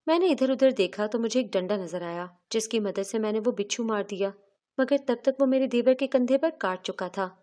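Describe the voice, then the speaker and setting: A woman's voice: fairly high pitch, mellow. A woman narrating a first-person moral story in an earnest, confessional storytelling manner.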